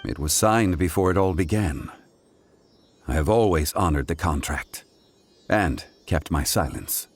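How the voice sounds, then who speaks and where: An actor voicing Zhongli, an ancient, calm, dignified male god of contracts who speaks in a measured, solemn, formal way, in a game with faint music behind. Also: sits low, full character voice. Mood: apologetic.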